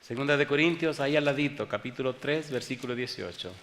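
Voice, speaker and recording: A male pastor preaching a sermon, firing rhetorical questions at the congregation and reading scripture slowly and drawn out. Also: medium pitch, a bit bright, slight background noise. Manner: rhetorical call-and-response questions. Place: church hall with a congregation. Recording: long hall reverb.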